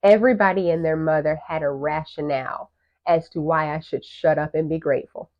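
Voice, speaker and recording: A woman in her thirties, co-hosting a podcast and telling a personal story in a candid, animated way. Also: low voice, fairly quick. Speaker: podcast co-host. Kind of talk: casual chat. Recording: muffled lo-fi audio.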